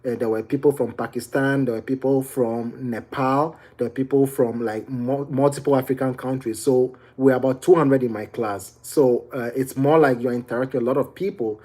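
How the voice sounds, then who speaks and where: With a mid-range, slightly mellow voice and fairly even intonation, this young Ghanaian-accented man talks at a moderate pace, hardly pausing. He's a medical exam tutor doing a casual Q&A on exam study from home near a kitchen, chatty and prone to fillers and restarts.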